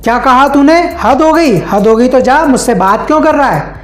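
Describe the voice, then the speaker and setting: A woman's voice: high-pitched, animated, normal speed. A woman voicing a rowdy, rude and boastful drunk man who talks back with insults. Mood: rude, swaggering. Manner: brash, insulting, swaggering. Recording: roomy echo.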